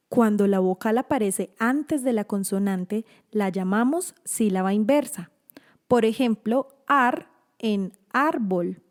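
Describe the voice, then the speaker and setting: Female narrator, unhurried instructional read, soft mellow timbre. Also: medium pitch. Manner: slow, careful, stretching example words. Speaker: narrator of an educational video for teachers and parents.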